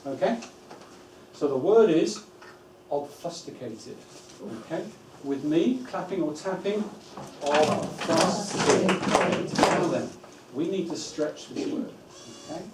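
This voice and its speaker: A man training teaching assistants in a school room. He gives steady instructions and stretches words out syllable by syllable. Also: fairly high pitch, a little slow. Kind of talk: training workshop talk. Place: school room with a live audience. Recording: echoey room from far off, noisy.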